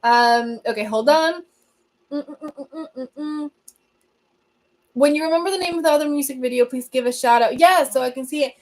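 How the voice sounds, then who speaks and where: A high-pitched young woman, a native Spanish speaker from Venezuela, runs a livestream and casually answers comments. Laughter comes often, and her chatty talk is full of ums and restarts.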